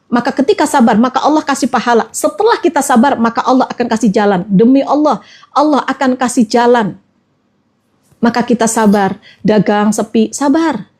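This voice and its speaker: A woman with a light lilt gives an Islamic motivational talk in a fairly high voice. She talks to her listeners as friends and coaxes them along, repeating key words over and over. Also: a little mellow. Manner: repetitive, coaxing, addresses listeners as friends. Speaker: motivational trainer.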